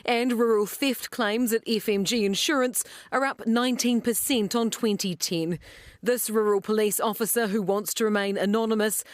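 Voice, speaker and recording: A woman's voice: a little high, no room sound, studio quality. A woman with a New Zealand accent narrating a scripted news report as a reporter.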